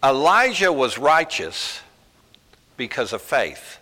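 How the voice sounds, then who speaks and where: A man preaches in a slow, folksy storytelling manner, with casual asides between emphatic points. His voice is bright and forceful. A long reverb from the hall follows his words. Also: mid-range voice, very animated. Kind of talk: sermon.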